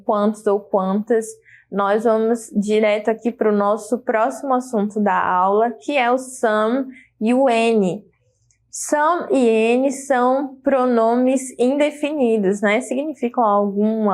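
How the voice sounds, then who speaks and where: A woman's voice: medium pitch, slow, a little mellow. A Brazilian woman with a Brazilian Portuguese accent teaching an English grammar lesson, explaining patiently and checking in with her students.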